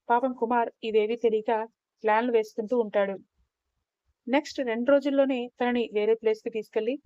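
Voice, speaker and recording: A woman reading a scripted story in a steady, plain narrating manner. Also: fairly high pitch, dry recording. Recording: dull, dry lo-fi recording.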